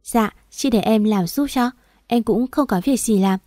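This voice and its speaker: A meek, timid young wife who speaks softly and humbly, as a woman reads her part. The tone is mellow and darkish, with a dry, close sound. She comes from a storybook reading. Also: fairly high pitch, measured pace, no echo, close to an everyday voice. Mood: polite. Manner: timid, pleading.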